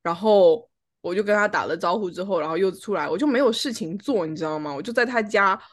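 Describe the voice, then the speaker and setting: Woman co-hosting a casual podcast, lively storytelling, mid-pitched voice. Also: quick pace. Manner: animated storytelling, acting out quoted arguments. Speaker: podcast co-host. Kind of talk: casual chat. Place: at home.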